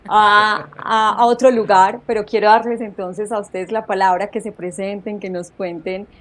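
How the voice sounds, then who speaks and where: Welcoming a guest on her faith show, this host speaks with a steady, mid-range voice at normal speed. Her greetings are warm and devout, while her wording stays loose and she often corrects herself.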